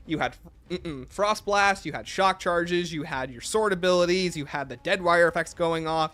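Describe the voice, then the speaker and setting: A man's voice: a little high, fairly bright tone. A man hosting a livestream, giving opinionated casual commentary and answering chat messages aloud. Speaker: livestream host.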